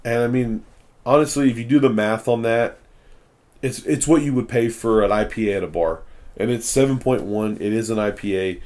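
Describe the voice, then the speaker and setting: A man's voice: mid-range voice, a little fast, darkish tone. A young man hosting a podcast, chatting casually over beers, blunt, profane and rambling. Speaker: podcast host.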